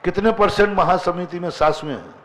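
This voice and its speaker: A man's voice: sits high, animated, a little fast, fairly bright tone, low-quality recording. A man, a monk preacher, delivering a sermon with emphatic rhetorical questions to an assembly. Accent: Hindi. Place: assembly hall with seated women.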